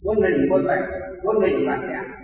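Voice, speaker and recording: A male monk with a high voice gives a dharma talk, telling a story straight to his listeners. He is heard from a distance in a very echoey hall with a long reverb tail. The sound is dull and lo-fi, with a faint hiss underneath. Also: expressive, a little slow, a crowd in the background. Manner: storytelling, addresses listeners, repeats words. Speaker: Buddhist monk.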